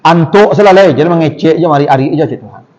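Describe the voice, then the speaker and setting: A man's fairly high voice rings through a mosque hall with a long, lingering reverb. He preaches. He explains Quran verses animatedly, often turning to the congregation. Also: fast talker. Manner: animated, often addresses the congregation, acts out quoted speech. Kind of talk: mosque sermon, Quran commentary. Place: mosque hall after evening prayer.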